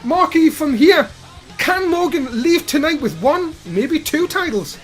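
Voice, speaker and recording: A male pre-show host with a notably high-pitched voice presents a wrestling event. He announces upcoming matches and hands over to his panel, with faint music behind him. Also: lively intonation, unhurried. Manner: announcer-like, addresses co-panellists and audience.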